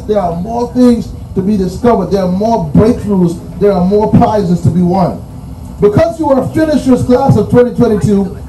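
A man's voice: high-pitched, noisy background. Emphatic Bahamian man preaching at graduation. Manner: emphatic, repeats key phrases, numbered points. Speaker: commencement speaker. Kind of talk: commencement address with preaching cadence. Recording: roomy echo, distant mic, faint music.

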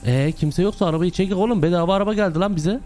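A young man with a slightly hoarse voice from a sore throat, chatting his way through a horror game as host, joking and breaking into loud exclamations. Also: sits high, rapid-fire, a little hiss or hum. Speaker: gaming channel host. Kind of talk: let's play commentary.

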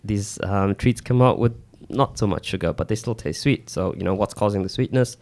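Lower-pitched New man, casual podcaster. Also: a little mellow, a little hiss or hum. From New Zealand. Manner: halting, informal, peppered with "you know". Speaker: podcast co-host explaining nutrition. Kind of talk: casual explanatory chat. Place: small indoor podcast studio. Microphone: close boom-arm studio mic with headset.

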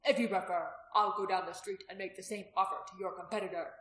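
A woman's voice: mid-range voice, steady tone, fast talker, a bit bright, natural voice. A woman reading the part of a blunt, hardened former gladiator who speaks curtly and dryly, in a storybook reading. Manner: curt, dry, firm. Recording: roomy echo.

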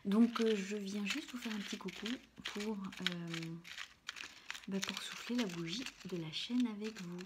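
A woman hosting an ASMR channel, chatting casually and hesitantly in a soft, breathy whisper. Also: medium pitch, unhurried. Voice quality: breathy whisper, mostly unvoiced. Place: small room at home, indoors. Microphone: camera close in front, no external microphone. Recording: faint hiss and clicks, no studio microphone.

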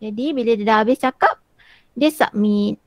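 A woman teacher, demonstrating a tool in an online workshop and filling pauses with "ah" over a video call. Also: on the high side, dry recording. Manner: chatty, frequent "ah" fillers while walking through screens.

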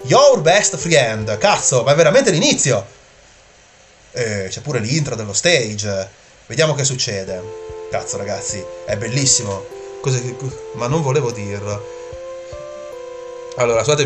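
A man streaming live gameplay, excitable and often swearing as he talks to his chat. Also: medium pitch, moderate pace, music in the background.

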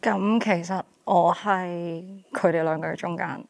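A woman from Hong Kong speaking with a Hong Kong Cantonese accent, giving unhurried, heartfelt testimony as an activist guest on a studio stage. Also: fairly low pitch, steady tone, vocal fry, a little mellow. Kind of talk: candid panel testimony.

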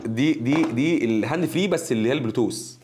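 A man's voice: medium pitch, fast, a little mellow. A man with an Egyptian Arabic accent, a teacher chatting on the phone with students, effusive and full of blessings and jokes. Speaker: teacher hosting prize calls to students. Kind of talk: casual phone chat with students.

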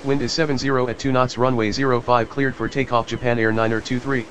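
A man voicing an airline pilot who reads back clearances over the radio in clipped, even calls. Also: mid-range voice, quick pace, a little hiss or hum. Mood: routine. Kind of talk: air traffic radio calls in a game.

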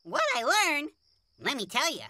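A man's voice: very high-pitched, huge pitch swings, normal speed, full character voice. A man voicing a childish, selfish cucumber king in a cartoon musical story, dramatic and goofy. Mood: cheerful. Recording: loud music behind the voice. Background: loud children's music.

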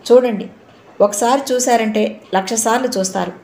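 A woman's voice: medium pitch, moderate pace, a little mellow, close to an everyday voice. A woman voicing a cheerful, playful young man who mixes English phrases into his talk, in a roomy recording. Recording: roomy echo.

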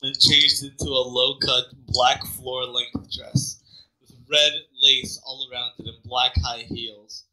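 A man's voice: medium pitch, level tone, slow pace, sharp tone, low-quality recording. A young man reading a bad fanfic aloud to friends, wry and amused, stopping to comment and laugh. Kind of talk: dramatic read-aloud with commentary.

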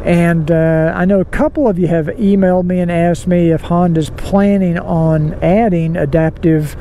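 High-voiced man riding with road noise. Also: steady tone, warm tone. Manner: rambling and conversational, with frequent "uh" pauses. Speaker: motorcycle vlogger. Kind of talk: casual moto-vlog commentary. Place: riding a motorcycle outdoors on city streets. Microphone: helmet-mounted wireless mic. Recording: road and wind noise behind the voice.

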